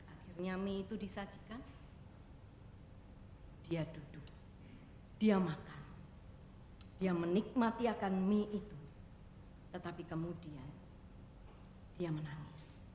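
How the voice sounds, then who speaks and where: A woman's voice: fairly low pitch, slow pace, long pauses, mellow. A woman evangelist telling a story in a sermon, often turning to address the congregation. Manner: addresses congregation often, voices characters in quotes. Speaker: evangelist preacher. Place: church hall. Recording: echoey church hall with faint noise.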